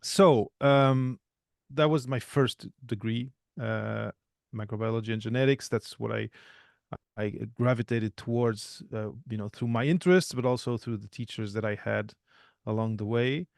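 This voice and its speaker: A man, talking as a guest in a relaxed, thoughtful way with frequent restarts. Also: mid-range voice, normal speed, vocal fry, dry recording, studio quality. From Portugal. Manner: thoughtful, self-correcting, many restarts. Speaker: podcast guest. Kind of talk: casual interview talk.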